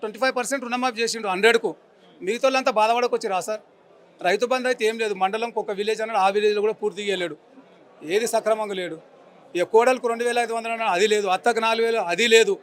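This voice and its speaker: A man's voice: very high voice, fairly bright tone. A man in his forties with a Telangana Telugu accent, angrily and emphatically ranting in a street interview and repeating his insults. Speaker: member of the public interviewed.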